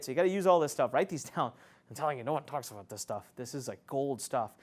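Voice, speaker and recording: A man teaching an online marketing lesson, enthusiastic and conversational, laughing often as he talks. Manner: enthusiastic, swoops up and down in pitch, frequent laughs. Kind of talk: energetic teaching talk to camera.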